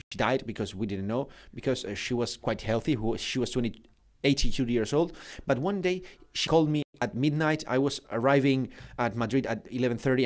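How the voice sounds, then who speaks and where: Middle-aged guy giving a keynote, earnest and punchy, choppy english. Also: mid-range voice. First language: Spanish. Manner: emphatic and earnest, in halting non-native English. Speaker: keynote speaker. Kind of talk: motivational conference talk.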